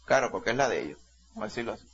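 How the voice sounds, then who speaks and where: A man's voice: lowish voice, expressive, very fast, dull audio. A man from Latin America preaching a sermon in a conversational teaching style, full of rhetorical questions and "ok?" check-ins.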